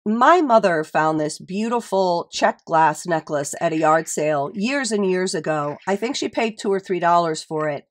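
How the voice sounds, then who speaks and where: Middle aged lady w a bit of a stuffy nose, chatty show and tell, kinda thinking out loud. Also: lowish voice, expressive, moderate pace, few pauses. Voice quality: slightly stuffy, nasal from a cold. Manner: chatty and appreciative, musing aloud.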